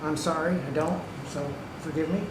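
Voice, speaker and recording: At normal speed and with fairly even intonation, a man whose voice is a little high gives public comment at a county meeting. He pushes his points emphatically and checks in with "okay" and "right." Echo and background noise fill the county government meeting room recording.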